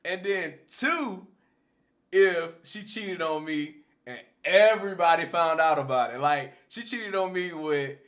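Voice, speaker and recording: An American man hosting a podcast in casual, slangy talk. His voice sits a little high and has a bright, forward edge over a slight smoker's rasp. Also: unhurried. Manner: informal, slangy. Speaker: podcast host. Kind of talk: casual chat.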